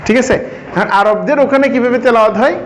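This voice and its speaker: A man's voice: very high voice, slight background noise, rough recording. A man teaching a Quran reading class, quizzing his students and repeating their answers. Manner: sounds out syllables slowly for drilling. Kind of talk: classroom lesson.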